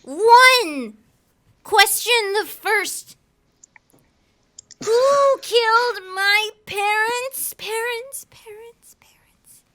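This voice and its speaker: A woman's voice: very high voice, bright, forceful tone. A woman playing her character at a tabletop game, speaking in a magically amplified voice whose echo she makes herself by repeating words that fade away. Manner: drawn-out, theatrical questioning. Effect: magically amplified voice, with its echo made by mouth as repeated, fading words.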